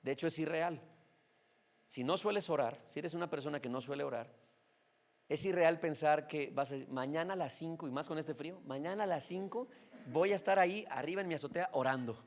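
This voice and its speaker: A man with a Mexican Spanish accent preaches to his congregation, his voice sitting a little high for a man. He talks in a relaxed, conversational way and keeps checking in with the people listening. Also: brisk. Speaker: pastor. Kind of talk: sermon.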